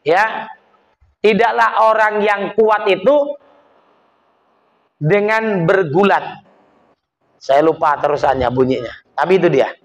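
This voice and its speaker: A man's voice: high voice, slow pace, long pauses, dull audio. A male religious teacher with a Medan Indonesian accent giving an Islamic study sermon, explaining Arabic terms and acting out quoted speech. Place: mosque study gathering.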